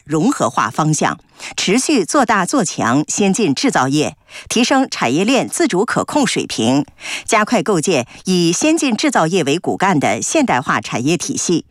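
A woman giving formal, measured scripted news narration in standard Mainland Mandarin. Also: lowish voice, no echo, studio quality. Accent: standard Mainland Chinese Mandarin.

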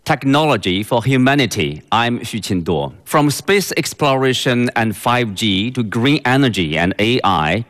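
A man hosting a studio talk show, introducing the program and asking guests formal questions in a measured way. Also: medium pitch, fairly bright tone, in a large hall. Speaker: host.

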